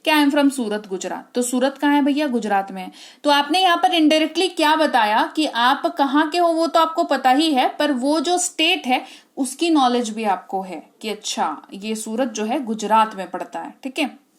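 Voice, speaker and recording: A woman with an Indian accent and a slightly high-pitched voice delivers a spoken English lesson. She explains mostly in Hindi, sprinkling in English phrases and frequent check-ins with her listeners. When she models an English sentence, she slows it down to a careful, deliberate pace. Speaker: English teacher.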